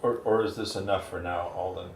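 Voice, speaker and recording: Courteous male interviewer with a fairly low voice, sitting back from the mic. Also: steady tone, a little fast. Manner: considerate, courteous. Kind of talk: conversational interview. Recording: distant, echoey room with faint noise.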